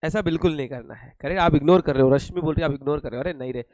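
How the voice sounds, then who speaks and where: A young Indian man teaching a live online lecture, slightly hoarse, joking and asking then answering his own questions. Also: a little high, very fast, darkish tone, no echo, low-quality recording.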